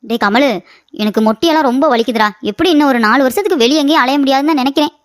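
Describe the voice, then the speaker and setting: A woman voicing a bickering older mother-in-law in a cartoon comedy, scolding with quick sarcasm. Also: high-pitched, dry recording, clean studio sound, lightly acted.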